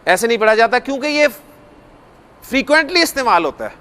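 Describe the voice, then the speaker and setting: High-voiced man teaching grammar. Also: sing-song, a little fast, pushed and bright. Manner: explains step by step, repeats key points, asks the class questions. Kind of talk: classroom grammar lecture. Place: classroom or studio lecture.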